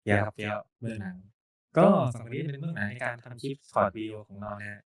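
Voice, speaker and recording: Male podcast host, lower register, casual, joking chat. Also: fast talker.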